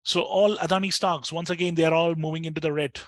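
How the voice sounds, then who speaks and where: A man's voice: on the high side, fairly even intonation, fast talker, dry recording. A man with an Indian accent giving live trading commentary as a streamer, talking conversationally and straight to his viewers.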